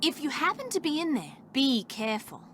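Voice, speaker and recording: A woman's voice: sits high, very animated, brisk, a bit bright, a little hiss or hum. A woman voicing a chatty, breezy young woman fashion model in a mystery game. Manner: breezy, gossipy.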